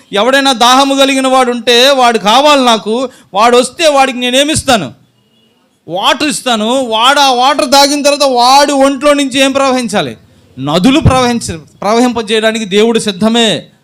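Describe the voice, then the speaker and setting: A man's voice: very high-pitched, moderate pace, a bit bright. A man preaching a church sermon as pastor, firing rhetorical questions at the congregation and answering them himself, and acting out examples with a listener. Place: church service.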